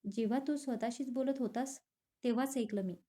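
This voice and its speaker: A woman's voice: on the high side, a little fast, dark tone, natural voice. A woman voicing a smug scheming fiancée. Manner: sweet and smug.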